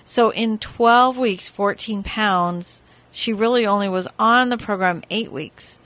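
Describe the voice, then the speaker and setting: A woman co-hosting a casual radio show, telling stories in a chatty, animated way and often breaking into giggles. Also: medium pitch, slow.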